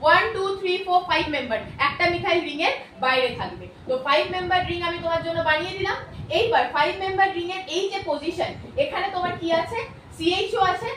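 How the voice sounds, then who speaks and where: A woman with a Bengali accent gives a chemistry video lecture at a quick pace, asking questions and then answering them herself. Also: very high voice, a bit bright, slight background noise. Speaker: chemistry teacher. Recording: echoey room, voice from a distance.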